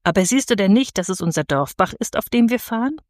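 A woman voicing a lively young village girl in a storybook reading, calling out in a raised voice. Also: medium pitch, fast, no echo, studio quality, close to an everyday voice. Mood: eager.

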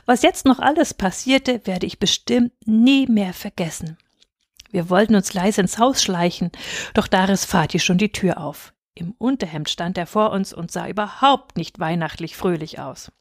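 A woman reading a children's Christmas story aloud in a lively, expressive storytelling manner. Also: medium pitch, moderate pace, dry recording, studio quality. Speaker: reader.

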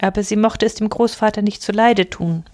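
A woman reading a fairy tale aloud in a calm, measured storytelling manner. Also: mid-range voice, no echo, clean studio sound.

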